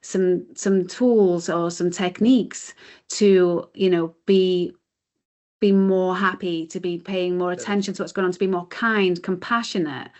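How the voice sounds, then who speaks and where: Her fairly low voice stays steady and a little mellow, with measured pacing, as this British mindfulness charity chief executive explains things earnestly to her interviewer. It's a conversational interview with her as guest.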